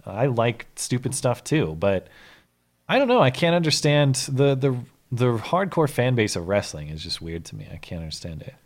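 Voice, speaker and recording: A man's voice: medium pitch, animated, normal speed. A man co-hosting a casual talk show, chatting in a joking, slangy, informal way. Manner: joking, laid-back slangy talk with "dude" and "like". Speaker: co-host. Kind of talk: casual chat.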